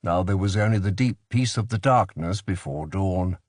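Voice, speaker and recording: A man giving a steady, measured scripted narration of a thriller audiobook. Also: low-pitched, no echo, studio quality.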